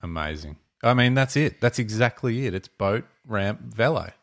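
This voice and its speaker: An Australian man with a fairly low voice talks casually as a co-host. His speech is colloquial, and he works out his thoughts aloud as he goes. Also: animated, moderate pace, vocal fry. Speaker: podcast co-host. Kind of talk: casual chat.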